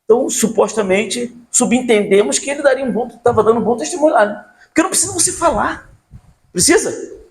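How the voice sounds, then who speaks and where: A man's voice: extremely high pitch, a little fast, slight background noise. An older man preaching a sermon as pastor, asking the congregation questions and telling stories from his life. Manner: rhetorical questions to the congregation, animated storytelling.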